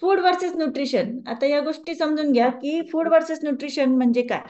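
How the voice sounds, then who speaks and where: A woman's voice: high-pitched, fast, a little mellow, highs cut off. A woman wellness coach gives a conversational lecture to a group and keeps asking the audience questions.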